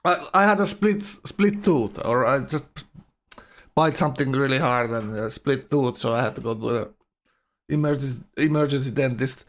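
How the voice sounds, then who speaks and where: A man casually commentating a game tournament on a live stream in a loose, halting, rambling way, his speech slightly awkward from a numb mouth. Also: mid-range voice.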